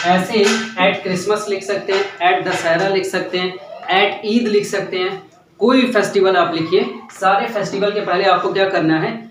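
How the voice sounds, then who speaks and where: In an echoey room with the mic far away, a young man with a high voice runs a classroom-style grammar lesson. He keeps repeating the main points and checking whether his students follow. Background noise is audible.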